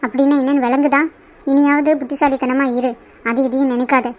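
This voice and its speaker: A woman's voice: high voice, flat delivery, a little fast, close to an everyday voice. A woman voicing a scheming, bossy mother in a cartoon, lecturing and insistent. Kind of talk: cartoon voice acting.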